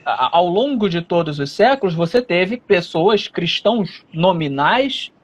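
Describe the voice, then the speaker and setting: A man's voice: sits high, big pitch swings, lo-fi sound. Explanatory Brazilian man from Rio state. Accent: Rio de Janeiro Brazilian Portuguese. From Rio de Janeiro state, Brazil. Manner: measured, explanatory, many fillers. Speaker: interview guest. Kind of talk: conversational interview answers.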